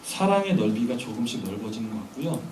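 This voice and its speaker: An earnest man delivers a sermon, pressing his listeners with rhetorical questions. His voice rings around a reverberant church hall and sounds picked up from some distance away. A steady hum of background noise sits under his words. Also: fairly low pitch, quick pace. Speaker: preacher. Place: church sanctuary during a weekday service.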